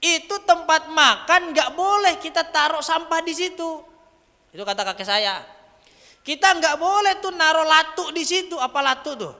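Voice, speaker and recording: A man's voice: very high-pitched, normal speed, pushed and bright, long reverb tail. A man preaching a dawn religious lecture in a chatty storytelling way, often asking the audience questions and mixing in Javanese words.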